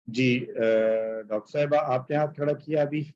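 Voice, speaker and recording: A man's voice: fairly high pitch, a little mellow, lo-fi sound. A male teacher giving an explanatory lecture, reciting Arabic verses and translating them, with many filler phrases.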